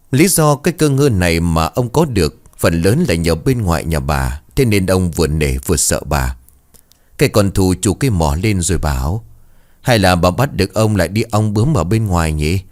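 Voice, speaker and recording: Male storyteller, deep and animated narration. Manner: expressive, measured storytelling.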